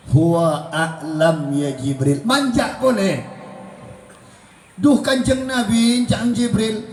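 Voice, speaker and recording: A man preaches, his voice pitched high and his delivery swinging up and down as he acts out the dialogue of the story. The sound carries through a large, echoey hall, with a faint hiss behind it. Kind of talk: sermon.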